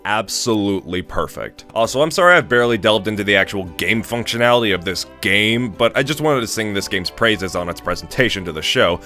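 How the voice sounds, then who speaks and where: A man's voice: on the low side, lively intonation, brisk, few pauses, over music. A man in his twenties narrating a scripted video game review in an enthusiastic, wry manner. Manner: enthusiastic, wry, casually profane.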